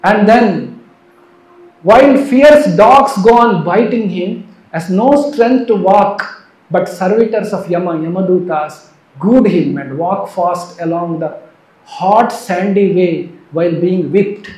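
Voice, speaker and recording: High-voiced man preaching in an echoey hall. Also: slow. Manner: earnest, swings between soft and emphatic. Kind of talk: devotional sermon. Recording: roomy echo.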